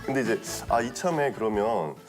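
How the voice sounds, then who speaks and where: A man's voice: on the low side, expressive, moderate pace. A man, an actor guesting on a variety show, chatting casually and explaining himself earnestly. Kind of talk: casual chat. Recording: music behind the voice.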